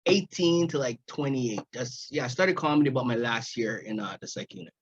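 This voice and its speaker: Animated and brisk, with a husky medium-pitched voice, this fifty-something comedian, born in Jamaica and raised in Montreal, spins rambling tales in a casual interview, often breaking into laughter and starting his sentences over. The sound quality is muffled and lo-fi.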